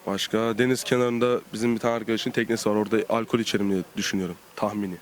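A man's voice: lowish voice, level tone, racing. A man chatting casually as he answers questions in a street interview. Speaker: street singer being interviewed.

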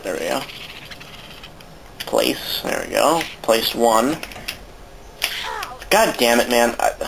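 A man's voice: mid-range voice, background noise. A man with a sore throat giving rambling, casual commentary while playing a video game, swearing often. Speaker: let's play commentator.

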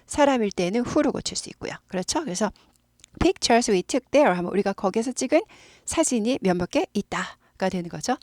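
In a studio-quality recording without echo, a woman patiently explains English grammar in Korean and leads drills in which she repeats phrases many times for students to echo back. Her mid-range voice is expressive and a little mellow, moving at a moderate pace.

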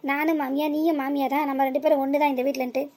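A woman's voice: high voice, little pitch movement, racing, darkish tone, natural voice. A woman voicing a cheeky middle-aged mother-in-law in a cartoon, with a playful, backtalking manner. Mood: pleading. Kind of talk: animated cartoon voice acting.

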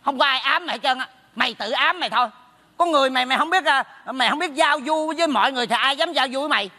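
A man plays a meddling neighbor in a stage comedy sketch, using a full character voice that is very high, creaky, and sharp. He's brash and teasing, scolding rapidly, and the stage hall gives a long reverb.

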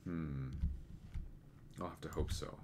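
A man's voice: a bass voice, steady tone, takes it slowly, noisy background. A man giving casual gameplay commentary, rambling and correcting himself as he thinks aloud. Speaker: let's play gamer. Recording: keyboard clicks and typing audible. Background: computer keyboard clicking.

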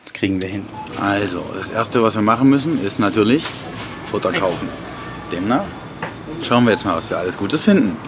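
A fairly quick, expressive man in his thirties with a lowish voice chats casually in brief, wry remarks. The fitness vlogger and bodybuilding competitor holds his camera at arm's length as he moves between a train, a taxi, the street, a hotel and a gym. The recording is noisy, with loud ambient sound.

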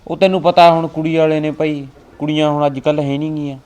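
A man playing an older father who gives slow, fatherly advice, with a rural Punjabi accent. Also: a little high, little pitch movement, a little mellow, clear, resonant tone, natural voice. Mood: weary. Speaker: father of a grown son. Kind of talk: family web drama acting.

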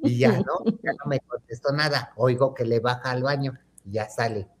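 A man's voice: medium pitch, fairly even intonation, moderate pace. A man telling a gossip story in a campy, theatrical way, calling his listeners "hermanitas". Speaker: host.

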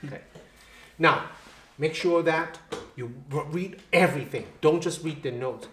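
A man's voice: on the high side, measured pace, fairly bright tone, a little hiss or hum. A man teaching a one-on-one piano lesson, patient, checking in with "okay?" and counting beats aloud. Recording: roomy echo with faint piano.

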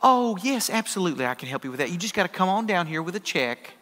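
Preacher guy doing a sweet soft-spoken arkansas clerk gal, so apologetic, long church echo. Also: sits high, big pitch swings, quick pace, full character voice. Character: sweet apologetic young woman water-company clerk. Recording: reverberant church hall.

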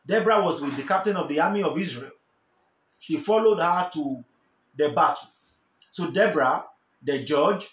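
A fervent young Nigerian man preaches a sermon to camera in a lively, high voice, gesturing and repeating key phrases. He sits in an armchair in a small indoor room where the sound echoes.

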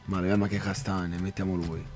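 A man commentating his own football game, excitable, shouting at chances and swearing at misses. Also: low voice, normal speed, over music. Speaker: gaming YouTuber.

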